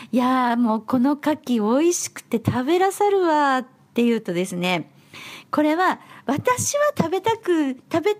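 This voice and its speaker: A woman's voice: fairly high pitch, slightly rough. A woman from Hokkaido hosting a dialect lesson show, explaining in a friendly way with frequent fillers. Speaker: radio-style dialect show host. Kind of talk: explanatory talk on dialect words.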